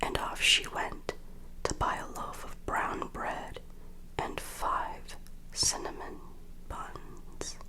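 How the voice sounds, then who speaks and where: Female ASMR storyteller. Full breathy whisper throughout, unhurried and deliberate, gentle bedtime read for children's tales.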